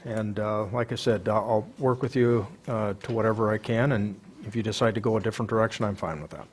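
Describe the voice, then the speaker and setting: A man giving reports at a city council meeting. He speaks haltingly, with many fillers. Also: on the low side, a little hiss or hum. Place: council chamber.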